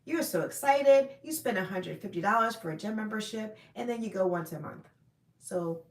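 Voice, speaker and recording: A woman's voice: medium pitch, expressive, moderate pace, reverberant. A woman hosting a casual livestream, chatting with viewers in a friendly, rambling way. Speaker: livestream host. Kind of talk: casual live chat answering viewers.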